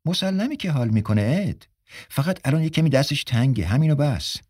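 A man's voice: on the high side, expressive, darkish tone, husky, no echo, studio quality. An actor playing a cocky male magazine editor who talks in a breezy, joking way in a radio drama.

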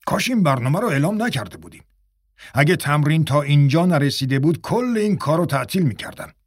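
A man's voice: fairly high pitch, very animated, husky, no echo, voice pushed up. A short-tempered theatre director, acted by a male storyteller, barking orders in a raised, scolding voice. He lectures and demands apologies. The sound is dry and close. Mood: angry. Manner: scolding, commanding.

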